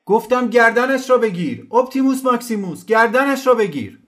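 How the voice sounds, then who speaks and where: Guy doing a young noble yelling high and frantic, storybook voice. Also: lively intonation. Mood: urgent. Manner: frantic shouting. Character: young male nobleman shouting from a boat.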